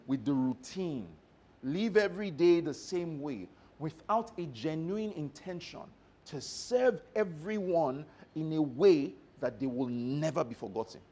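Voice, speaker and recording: Animated man giving a workshop talk. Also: on the high side. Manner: animated storyteller who checks in with the audience. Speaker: motivational trainer. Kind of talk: live workshop talk to staff.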